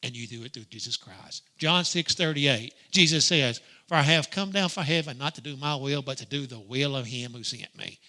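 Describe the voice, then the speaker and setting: A middle-aged man teaching a Sunday school lesson in a preaching style, emphatic and swinging from loud to hushed. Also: mid-range voice, normal speed, hardly any pauses. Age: grandparent age, middle-aged or older.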